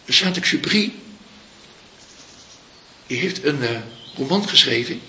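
A man giving a reflective Buddhist dharma talk as a teacher, speaking slowly and searching for his words. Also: on the high side, lively intonation, bright, forceful tone, a little hiss or hum. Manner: slow, searching, pauses to find words. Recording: echoey room, dull lo-fi sound.

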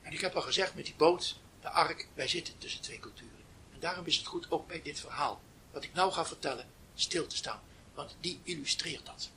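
A man giving a reflective spiritual talk, telling a story slowly with long pauses, often dropping to near whispers, then rising with emphasis. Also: on the high side, pushed and bright, a little hiss or hum. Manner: slow, pausing delivery. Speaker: spiritual teacher.

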